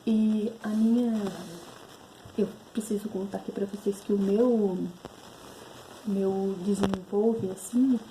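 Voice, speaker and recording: Woman, 30s, deep mellow tone, chatty rambling storyteller who corrects herself. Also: steady tone, slow pace, pauses often, slight background noise, poor audio. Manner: rambling, self-correcting, re-enacts inner voices. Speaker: spiritual channel host. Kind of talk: casual personal storytelling.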